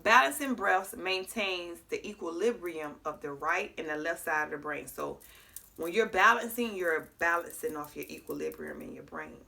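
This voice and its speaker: Congested woman, spiritual guide, lowish pitch with some fry, chatty how-to delivery. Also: normal speed, sharp tone. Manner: talks straight to viewers, checks in with frequent "okay?". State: congested, slightly clogged. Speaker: spiritual guide teaching breathing exercises. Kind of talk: casual guided breathing lesson.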